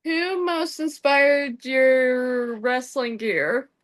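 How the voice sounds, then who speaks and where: A woman's voice: sits high, very slow. A woman interviewer talking casually and playfully, like a fan chatting with a guest.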